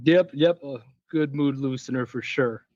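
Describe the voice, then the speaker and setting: A man's voice: mid-range voice, normal speed, darkish tone, dry recording. Male podcast guest, easygoing storyteller, lo-fi dry sound. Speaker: podcast guest, packaging inventor. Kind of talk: casual interview chat.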